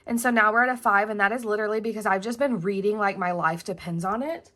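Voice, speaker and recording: A woman's voice: mid-range voice, quick pace, bright, forceful tone. A young pregnant woman vlogging at her home desk, chatty and rambling, a little out of breath. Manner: chatty, rambling, self-correcting. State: heavily pregnant, a bit out of breath. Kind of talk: casual planner vlog.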